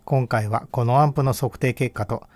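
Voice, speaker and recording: A man giving calm, measured, scripted narration that explains equipment test results step by step. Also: mid-range voice, soft background music. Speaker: audio equipment reviewer. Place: voice-over.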